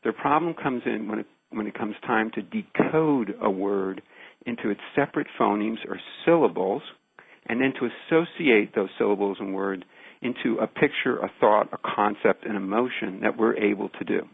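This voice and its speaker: Male scientist interviewee, creaky and raspy, emphatic explainer, heard over a thin telephone-style radio line. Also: on the low side, dry recording. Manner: deliberate, emphatic, builds points in repeated phrases. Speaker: research scientist, interview guest. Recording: narrow phone-like radio line.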